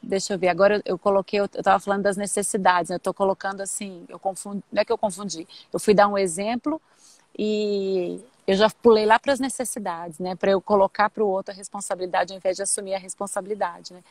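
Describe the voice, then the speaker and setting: A woman's voice: mid-range voice, steady tone, quick pace, a little mellow, dry recording. A woman explaining ideas in a casual teaching chat, thinking aloud and often restarting her sentences. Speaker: co-host explaining nonviolent communication.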